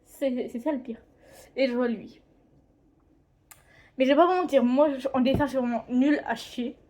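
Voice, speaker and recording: A woman's voice: sits high, normal speed, darkish tone. A teenage girl chatting casually in a home drawing vlog, rambling, hesitant and often correcting herself. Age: teens. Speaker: drawing vlogger. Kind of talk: casual chat. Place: home, indoors.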